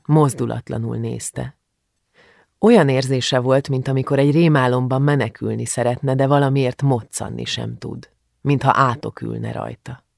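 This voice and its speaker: A man reading an audiobook in a grave, measured way, close on a studio mic. His voice has a gravelly fry to it. The sound is dry, with no room echo. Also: mid-range voice. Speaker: audiobook narrator. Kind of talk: audiobook narration.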